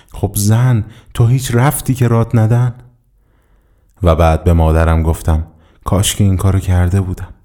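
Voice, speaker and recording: A man reading a literary story aloud in a measured, somber first-person narration. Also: low voice, dark tone. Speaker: audiobook reader.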